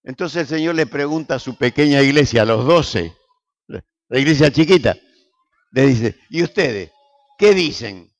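An older man with a Rioplatense Spanish accent, a pastor giving an animated, joking sermon full of rhetorical questions. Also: mid-range voice, moderate pace, pauses often.

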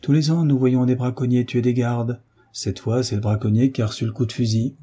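A man's voice: mid-range voice, fairly even intonation, brisk, warm tone, breathy edge, natural voice. A man reading as a stern, bitter husband. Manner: curt and restrained.

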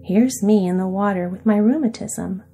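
A woman softly voicing a timid old one-legged sailor in a whispered role-play sleep story. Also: medium pitch, normal speed, faint music behind, close to an everyday voice. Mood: worried. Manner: soft and hushed.

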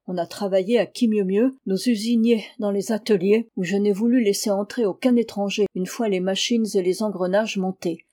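A plain, dutiful factory foreman, read by a woman. His report comes steady and plain, with a warm, relaxed tone, as in a storybook. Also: medium pitch, normal speed, few pauses, natural voice.

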